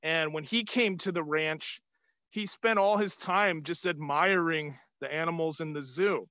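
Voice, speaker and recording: Male tour guide, high bright voice, projecting through a face mask for a kids' live tour. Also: measured pace, no echo. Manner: projecting, upbeat, asking the audience questions. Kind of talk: live virtual tour for children. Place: outdoors on an open hilltop terrace. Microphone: phone or camera at arm's length, video call.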